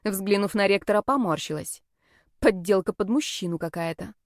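A woman's voice: mid-range voice, moderate pace, no room sound, clean studio sound. A woman narrating a first-person audiobook in a wry, sardonic tone.

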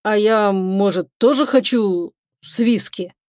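A woman's voice: medium pitch, takes it slowly, a little mellow, no echo, clean studio sound, close to an everyday voice. A woman reading the part of a sulky male crewman who grumbles and wheedles.

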